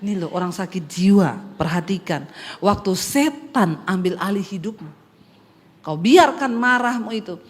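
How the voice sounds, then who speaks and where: A middle-aged woman pastor delivering a sermon in a lively storytelling way. She speaks casually, acts out the voices she quotes and talks straight to her congregation. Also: medium pitch, moderate pace, long reverb tail. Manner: colloquial, addresses the congregation directly.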